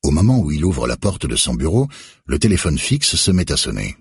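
A man reading a novel aloud in measured, expressive scripted narration. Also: rumbling low, husky, dry recording, studio quality. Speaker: audiobook narrator.

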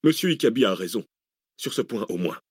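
A man voicing a composed older man who speaks in a level, measured way in a thriller audiobook. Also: on the low side, expressive, husky, dry recording, studio quality.

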